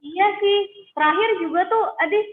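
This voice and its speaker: Woman asking questions on a phone call, pretty high voice, thin tinny line. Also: roomy sound. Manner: casual, quick back-channel replies. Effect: heard over a phone line. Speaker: interviewer. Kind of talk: casual interview over a call. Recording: narrow tinny phone-like sound.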